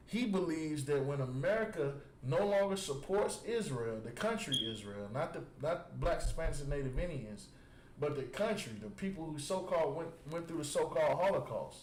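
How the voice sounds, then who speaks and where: An emphatic preacher with a slightly high voice delivers street preaching with call and response as a religious teacher. He stacks repeated words to build points and asks "You understand?" almost every time, in an echoey space with faint background noise.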